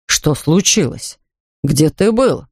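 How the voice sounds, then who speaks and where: A middle-aged father in a storybook, low, mild and careful, always a little worried, as a woman reader voices him. He speaks slowly and the voice sounds dry and close. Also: animated, a little mellow, husky, dry recording, heavily acted. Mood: concerned. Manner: slow, careful and concerned. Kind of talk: audiobook character voice.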